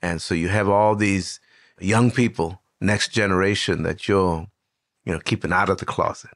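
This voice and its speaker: An older man hosting an interview, telling stories in a lively, conversational way with frequent restarts. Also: low-pitched, moderate pace, no echo, studio quality. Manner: warm storyteller, animated with many restarts. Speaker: host.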